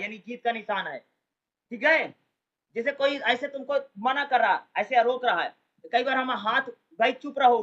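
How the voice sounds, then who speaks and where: A man's voice: very high-pitched, bright, forceful tone, highs cut off. A man teaching an exam-prep lesson in a casual, colloquial way, who keeps asking rhetorical questions and answering them himself. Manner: calls listeners "brother", colloquial. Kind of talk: explanatory exam-prep lecture.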